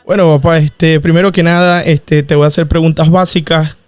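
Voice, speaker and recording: A man's voice: a little high, flat delivery, fairly quick, dry recording, soft background music. A man hosting a podcast, questioning his father in a friendly, prodding way with many fillers. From Venezuela. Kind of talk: casual podcast interview.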